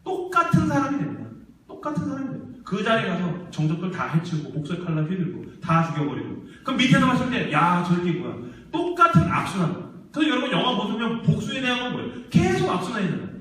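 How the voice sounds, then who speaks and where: High, lively man preaching in echoey church. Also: quick pace, a little hiss or hum. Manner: lively storytelling, acting out quoted voices. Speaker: church ministry staff preacher. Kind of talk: sermon to young adults. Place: large church hall. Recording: very echoey church hall, mic far off.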